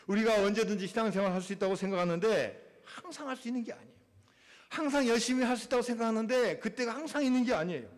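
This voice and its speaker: Male pastor, high voice, sermon in a reverberant church hall, dramatic swings in volume. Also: fast talker, hardly any pauses. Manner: preaching, acts out quoted voices, swings from loud to hushed. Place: church sanctuary.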